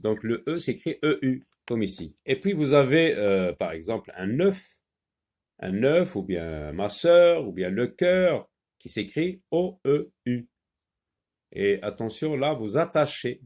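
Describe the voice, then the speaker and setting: A man teaching a French phonics lesson, saying each word slowly and repeating it with patience. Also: mid-range voice, dark tone. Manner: slow, patient, repeats words clearly.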